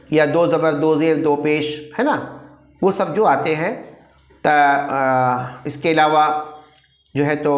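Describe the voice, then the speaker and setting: A man's voice: fairly high pitch, roomy sound. A man teaching Quran recitation, saying sounds one by one and asking his students questions. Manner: repeats words slowly, asks students questions. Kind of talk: online recitation lesson.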